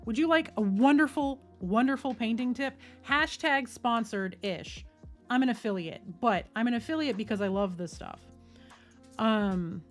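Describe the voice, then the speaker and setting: A woman streaming live from her desk at home, chatting easily and straight to her viewers. Her voice sits a little high, and faint music plays behind her. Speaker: livestreamer. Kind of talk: casual live-stream chat. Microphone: desk microphone.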